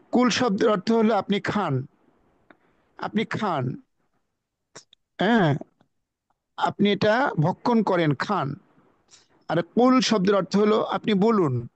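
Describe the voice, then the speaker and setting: A man's voice: high-pitched, no echo. A man teaching a religious lesson over a video call, explaining word by word, repeating key phrases and reciting Arabic. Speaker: religious study speaker. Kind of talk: religious lesson on Quran pronunciation.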